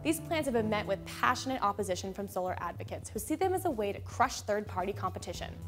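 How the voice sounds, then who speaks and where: A young woman hosting a scripted explainer in a studio, speaking clearly and upbeat into a lapel mic. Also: medium pitch, big pitch swings, fast, faint music behind. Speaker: host. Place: studio with a plain gray backdrop.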